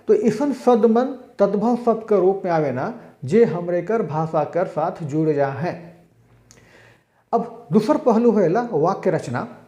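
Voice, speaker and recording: A man giving a recorded exam-prep language lecture, explaining slowly and acting out spoken examples. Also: high voice, warm tone, echoey room, dull audio. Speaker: language teacher.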